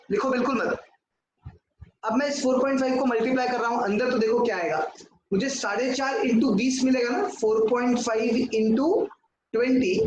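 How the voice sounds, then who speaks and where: High-voiced man teaching in an echoey room. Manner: talks at a board, asks and answers his own questions, mixes in English. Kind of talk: classroom lecture. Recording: echoey room with clear noise.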